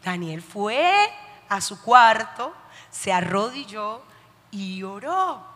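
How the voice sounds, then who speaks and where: A woman's voice: mid-range voice, big pitch swings, slow pace, a bit bright. A woman preacher giving an emphatic sermon in a church hall, often putting questions to her listeners. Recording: long hall reverb.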